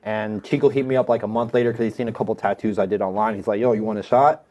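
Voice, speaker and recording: Talking very fast, this man from the United States has a mellow, steady voice on the low side. He's a tattoo artist in his thirties guesting on a podcast, spinning casual conversational stories full of slang and occasional swearing.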